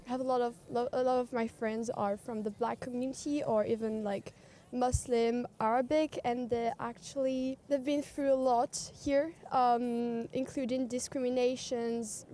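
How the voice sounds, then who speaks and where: Sex: woman. Style: street interview. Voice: high, mellow. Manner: earnest, some "um"s. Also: fairly even intonation, normal speed, slight background noise.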